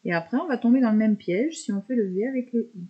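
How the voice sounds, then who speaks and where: A woman teacher calmly talking young pupils through handwriting, step by step, with patient explanations. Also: a little high, dull audio. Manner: slow step-by-step verbalizing, patient.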